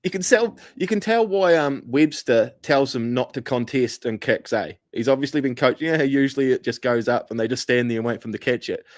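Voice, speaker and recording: A man's voice: medium pitch, brisk, few pauses, no room sound. A man co-hosting a podcast in casual chat, laid-back, laughing often and swearing casually. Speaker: podcast co-host.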